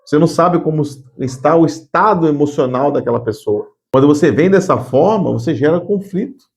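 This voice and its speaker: A man's voice: a little high, animated, fairly quick, creaky, darkish tone. A man giving an earnest spoken lesson on workplace communication, often repeating words as he thinks. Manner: acts out curt bossy phrases as examples.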